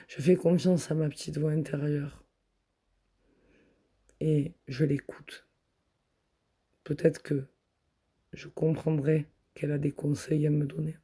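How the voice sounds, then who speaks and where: A man leads a guided meditation, calmly repeating affirmations. His voice is dark, breathy and mellow, and it stays flat and even. He speaks slowly and softly. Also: a little high. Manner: slow, soft, repetitive affirmations.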